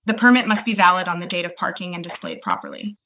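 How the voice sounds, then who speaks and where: Heard on a slightly noisy, tinny phone line, this artificial female assistant speaks quickly in a fairly low, sing-song voice. Her customer service responses are scripted, formal and polite, delivered without any pause or hesitation.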